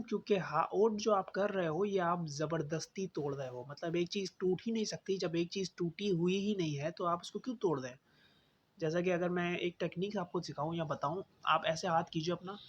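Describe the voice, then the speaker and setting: A man teaching pronunciation in an online lesson. He asks his own questions, answers them, and repeats key words for emphasis. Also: high-pitched. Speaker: English teacher. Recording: slightly dull, faint background hiss.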